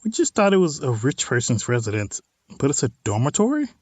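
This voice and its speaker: A man with a medium-pitched, darkish voice and huge pitch swings talks fairly quickly, with no room sound. He's hosting a let's play of a visual novel, reading its text aloud and adding informal, wry remarks on what he reads.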